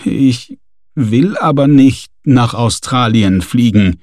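A man's voice: medium pitch, animated, slow pace, warm tone, dry recording, clean studio sound. A man voicing a grumbling, fretful middle-aged man who whines and complains about leaving home. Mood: whining. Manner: whiny, complaining.

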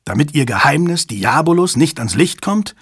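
A man doing a shouting, cornered hostage-taker. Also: on the high side, big pitch swings, normal speed, slightly rough, no echo, studio quality, voice pushed up. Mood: shouting, threatening. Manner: shouting, threatening. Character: desperate cornered male hacker, snarling. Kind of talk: audiobook character voice.

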